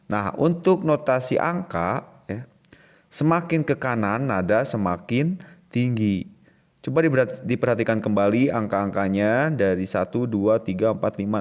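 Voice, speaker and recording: A man teaching a recorded music lesson to children, explaining patiently and repeating each point step by step. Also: lowish voice.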